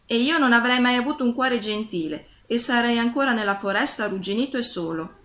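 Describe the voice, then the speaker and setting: A woman's voice: fairly high pitch, expressive, fairly quick, a bit bright, echoey room, voice pushed up. A woman voicing a tender-hearted, tearful tin woodman in a storybook reading, in a raised, heartfelt tone.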